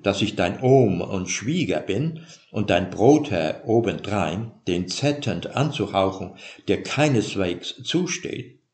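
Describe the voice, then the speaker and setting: A man's voice: lowish voice, darkish tone. A man voicing a sly older father-in-law who lectures in a pompous, scolding way. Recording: roomy echo.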